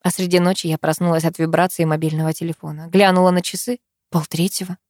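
A woman's voice: lowish voice, fast, no room sound, clean studio sound. Woman narrating an emotional first-person story. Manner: emotional, expressive reading.

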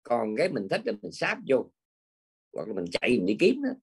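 A man's voice: medium pitch, wildly swooping pitch, fairly quick, creaky, breathy edge. An older man giving a Buddhist dharma talk in a conversational way, often tagging his sentences with small prompting words. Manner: conversational, with frequent tag words. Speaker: Buddhist teacher.

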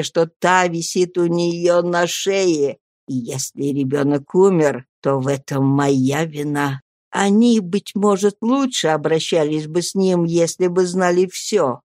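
A woman voicing a hoarse, faint dying old woman who confesses slowly and with guilt, in a storybook reading. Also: low-pitched, darkish tone, no room sound, clean studio sound. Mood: weak, confessing. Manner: slow, drawn-out confession.

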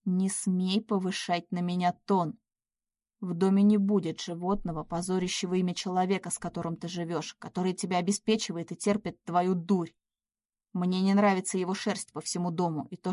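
A woman voicing a cold, controlling man who speaks calmly and curtly. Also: on the high side, moderate pace, no room sound, studio quality. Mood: cold dismissive. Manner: calm, hard and curt.

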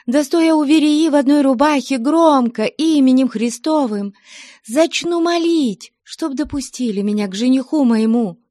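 A woman's voice: sits high, unhurried, warm tone, dry recording, studio quality, pitched above the performer's own voice. A woman voicing a young maiden who pleads emotionally to join a convent in an audiobook. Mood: pleading.

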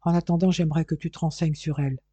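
A man's voice: on the high side, fairly even intonation, quick pace, warm tone, husky, dry recording. A man voicing a heartbroken, lovesick young man who pleads and despairs. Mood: pleading.

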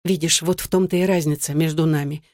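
A woman's voice: deep voice, fairly even intonation, fast, darkish tone, no echo, clean studio sound, lightly acted. An audiobook reader voicing a desperate young woman who pleads through tears and murmurs. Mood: pleading.

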